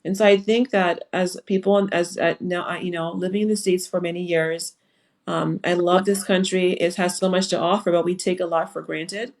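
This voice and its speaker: A woman talks in a low, even register over a video call. She sounds earnest and reflective as a panel guest, often pausing with fillers. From Liberia. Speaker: foundation founder and panel guest. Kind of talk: casual panel talk on a live webinar.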